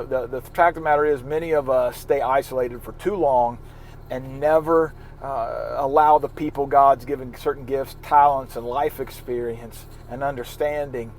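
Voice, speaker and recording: A man giving an informal devotional talk as a pastor, earnest and encouraging, often halting and repeating words. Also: a little high, darkish tone, a little hiss or hum.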